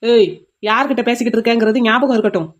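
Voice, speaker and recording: Fast-talking tough cartoon cop, a woman voicing him. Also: a little high, fairly even intonation, natural voice. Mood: stern. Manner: gruff, mocking, threatening. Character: tough male police henchman, blunt and scornful. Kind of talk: cartoon voice acting.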